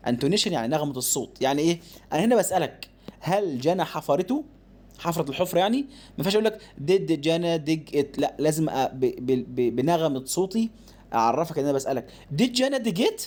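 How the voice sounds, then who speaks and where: A man with an Egyptian accent teaching English phonics, explaining fast and then modeling words slowly. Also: fairly high pitch, lively intonation, darkish tone. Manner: shifts between rapid explanation and slow drawn-out modeling of words.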